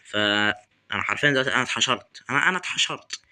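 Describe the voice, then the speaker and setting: A man's voice: mid-range voice, fast talker, bright, forceful tone, a little hiss or hum. A young man with an Egyptian Arabic accent commentating a horror game, nervously muttering prayers and taunting the game. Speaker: gaming YouTuber.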